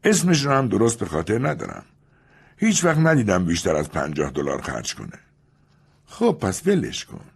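A man's voice: lowish voice, huge pitch swings, vocal fry, husky, pitched above the performer's own voice, full character voice. A man voicing a cunning young woman in an audiobook, defiant and pleading by turns. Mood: haughty. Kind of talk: audiobook character reading.

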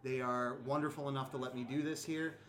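A man's voice: mid-range voice, fairly even intonation, brisk, fairly bright tone. A man hosting a podcast in casual chat, rambling with lots of fillers and laughing often, recorded in a comic book store. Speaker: podcast host.

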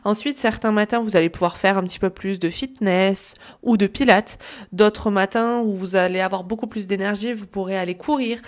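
A woman wellness coach giving casual spoken advice to listeners, chatty and full of pauses with "euh" and "hop". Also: mid-range voice, fairly even intonation.

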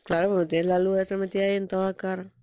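A woman's voice: medium pitch, flat delivery, racing, dark tone, no echo, studio quality. A woman co-hosting a casual podcast, answering briefly and reluctantly. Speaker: podcast co-host. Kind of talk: casual couple chat.

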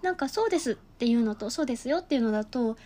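A woman co-hosting a language podcast, listening closely and answering with quick acknowledgements. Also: on the high side, lively intonation, dark tone. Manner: attentive, frequent short acknowledgements. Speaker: co-host and learner. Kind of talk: casual podcast lesson chat.

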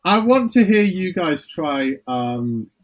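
A man's voice: a little high, big pitch swings, slow, poor audio. A man co-hosting a podcast in casual chat over a remote call, talking in hesitant stops and restarts. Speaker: podcast co-host.

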